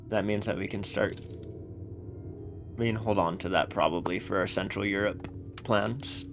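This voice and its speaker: A man streaming a strategy game, thinking aloud about his moves and reading the game text aloud in a casual way. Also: on the low side. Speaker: let's play streamer.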